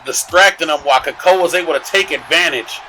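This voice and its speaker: Bright-voiced analytical wrestling commentator. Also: male voice, fairly high pitch, fast, a little hiss or hum, poor audio. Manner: analytical, breaks down the action. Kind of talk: live sports commentary.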